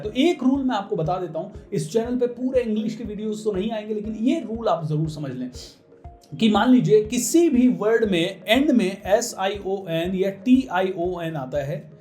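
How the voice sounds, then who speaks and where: A man coaches English pronunciation in a casual Hindi lesson, stretching words out slowly to show their stress. His voice is dark and mellow. He sounds like he's in a roomy, echoing space with soft music underneath. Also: high-pitched, expressive. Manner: slows right down to drill words, stressing syllables.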